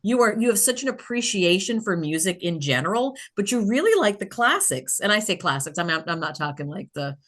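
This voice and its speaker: A woman's voice: medium pitch, big pitch swings, fairly quick, few pauses, a bit bright. A woman in her forties hosting a podcast, talking in a chatty, rambling way with lots of fillers. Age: 40s. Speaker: podcast host. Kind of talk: casual interview chat.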